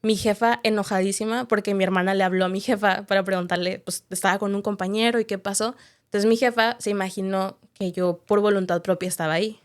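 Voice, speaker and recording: A woman's voice: medium pitch, steady tone, fast talker, smooth. A woman, a podcast guest giving a candid, reflective personal testimony, often ending her thoughts with a questioning "right?". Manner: candid, reflective storytelling with frequent tag questions.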